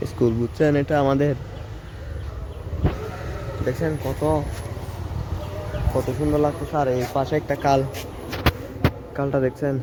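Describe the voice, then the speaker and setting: A young man chatting casually to his viewers as he walks through a rainy village, recorded on a handheld phone, often checking that the viewer follows and dropping to a hush when people pass. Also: fairly high pitch, poor audio. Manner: chatty, keeps asking the viewer "understand?". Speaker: vlogger. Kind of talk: casual handheld vlog narration. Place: outdoors in a rainy rural village. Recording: outdoor phone audio with clear ambient noise.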